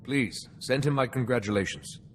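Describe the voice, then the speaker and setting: An actor playing a calm, wise and dutiful Jedi in a video game, speaking formally and with measured care. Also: male voice, mid-range voice, slight background noise, natural voice. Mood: composed, polite. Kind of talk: video game cutscene dialogue.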